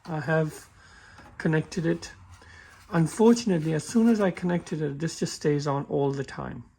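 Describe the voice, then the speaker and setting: A man walking through a car repair in a halting, casual way, often stumbling and restarting his sentences. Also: fairly high pitch, creaky, mellow, breathy edge. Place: workshop with a work table.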